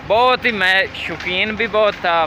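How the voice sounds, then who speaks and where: Chatting with his viewers on the way to a village shop, a Pakistani vlogger with a slightly sore throat speaks in a high voice at an unhurried pace. He's outdoors in a village lane, and the background is noisy.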